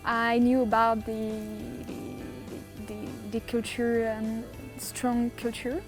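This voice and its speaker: A young exchange student from the south of France answers casually in a French accent, searching for English words and often giggly. Her fairly high voice moves little in pitch and goes slowly, heard over music.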